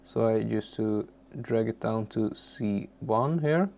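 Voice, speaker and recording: Searching for words as he goes, a non-native English speaker walks through a software tutorial without a script. He has a fairly low, creaky voice, and English is not his first language.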